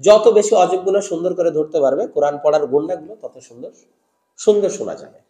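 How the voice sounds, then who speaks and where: A man teaching Quran recitation rules to teachers, explaining patiently and drawing out example words in slow chant. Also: fairly high pitch, dark tone, echoey room. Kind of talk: tajweed lesson for teachers.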